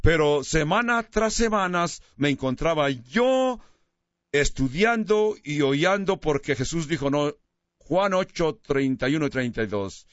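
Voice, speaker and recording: A man preaching a sermon as a pastor, slowing down to stress key words. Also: on the high side, animated, no room sound, highs cut off.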